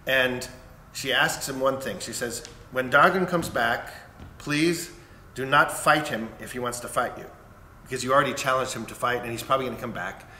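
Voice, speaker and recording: A male conductor with a mid-range, pushed and bright voice casually retells an opera plot at a moderate pace, briefly acting out the characters' lines. It's a casual spoken introduction, recorded in an echoey room with faint noise.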